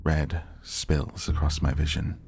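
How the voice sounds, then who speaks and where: A man reading a visual novel story aloud in a measured, dramatic narrating style. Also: a bass voice, little pitch movement, vocal fry, over music. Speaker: video game player reading aloud.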